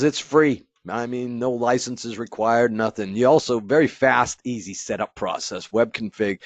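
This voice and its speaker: On the low side, this man's voice carries through dry, somewhat dull webinar audio as he trains dealers on his company's products. He speaks casually, restarting and filling gaps often, and at times plays out an installer's inner monologue.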